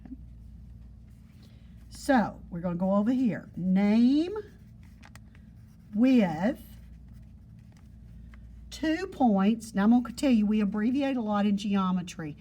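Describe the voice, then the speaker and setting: Husky-voiced woman teaching a class. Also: mid-range voice, animated, takes it slowly, long pauses, dark tone. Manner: patient, repeats points with everyday examples. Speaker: geometry teacher. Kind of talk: classroom lesson. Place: classroom with students.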